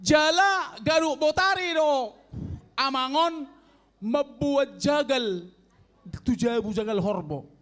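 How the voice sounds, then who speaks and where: High-voiced older Toba Batak man, slow. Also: fairly bright tone. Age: 60s. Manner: slow, drawn-out storytelling addressed to elders. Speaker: elderly stand-up contestant. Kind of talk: stand-up comedy storytelling.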